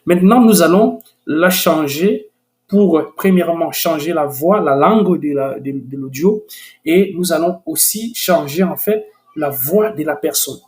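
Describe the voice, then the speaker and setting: Here a man with a fairly high voice runs a screen-recorded software walkthrough, speaking a little slowly with frequent restarts and hesitant fillers. He's enthusiastic throughout and becomes eager when showing off what he's achieved.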